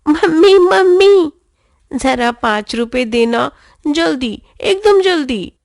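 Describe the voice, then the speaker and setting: A woman's voice: high voice, expressive, slow pace, gravelly, no echo, clean studio sound, voice pushed up, full character voice. A woman voicing a playful little boy who coaxes and pleads in a children's storybook reading. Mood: pleading. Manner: wheedling, coaxing.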